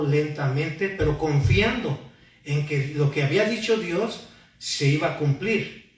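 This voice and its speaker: A male preaching a sermon, asking the congregation questions and prompting their replies. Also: on the high side. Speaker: pastor. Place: church hall. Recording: very echoey hall, mic far off.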